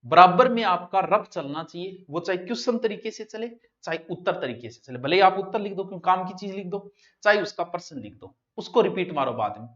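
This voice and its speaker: Man, exam-prep classroom lecture, direct, chiding teacher, fairly high voice, dull lo-fi sound. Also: animated, a little fast, fairly bright tone. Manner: direct, scolding, conversational teacher addressing students. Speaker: coaching teacher.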